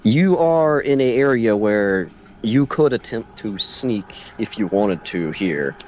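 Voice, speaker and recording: Congested low-voiced man running a tabletop game. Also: animated, a little mellow, lo-fi sound. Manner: halting, many restarts and fillers. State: congested, clearing his throat. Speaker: game master.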